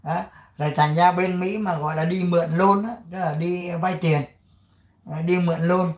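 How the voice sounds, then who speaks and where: An older man from Vietnam hosting his channel, chatting casually and reading an article aloud, rambling with many fillers and frequent throat clearing. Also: high voice, steady tone, normal speed, echoey room. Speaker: channel host.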